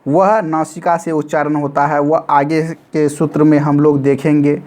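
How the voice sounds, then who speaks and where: A man teaching grammar in a recorded lesson, chanting short memory formulas slowly and repeating each one many times. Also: fairly high pitch, level tone, a little mellow. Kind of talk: classroom-style recorded lesson.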